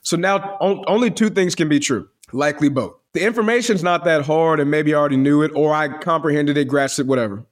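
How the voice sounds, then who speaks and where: A man's voice: on the high side, fairly quick, hardly any pauses. A man with a voice that carries, telling stories on a podcast in a loose, rambling way, full of slang and restarts. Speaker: podcast co-host. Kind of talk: casual podcast chat.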